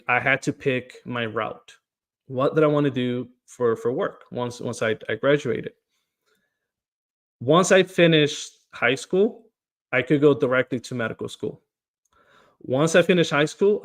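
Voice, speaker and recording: A political candidate from Portugal answers podcast interview questions earnestly, frequently repeating words as he begins a phrase. His voice is medium-pitched and a bit bright.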